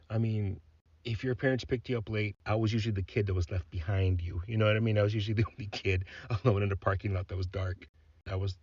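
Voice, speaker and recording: Husky, rambling South Texas storyteller. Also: male voice, on the low side, no echo, dull audio. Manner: rambling, heavy on "like" and "uh". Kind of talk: casual personal storytelling.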